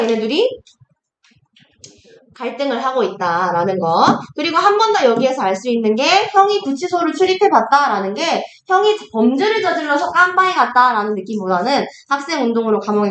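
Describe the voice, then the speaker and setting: A woman tutoring a class in Korean literature, lecturing briskly and acting out characters' lines as she explains, with questions to her students. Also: high-pitched. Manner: lively, acts out characters' lines in quotes, asks students questions. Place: classroom at a cram school. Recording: echoey classroom, faint noise.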